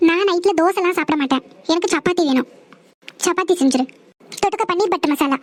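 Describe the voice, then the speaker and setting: A woman's voice: extremely high pitch, fast talker. A woman voicing a bossy, spoiled young woman in a cartoon, talking in a demanding, whiny way. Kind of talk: cartoon voice acting.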